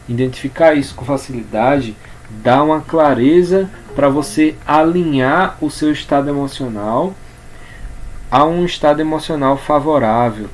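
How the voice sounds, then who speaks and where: A man with a Brazilian Portuguese accent giving an informal spoken lesson on communication, unhurried and repeating words as he explains. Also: medium pitch, a little hiss or hum. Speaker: communication coach.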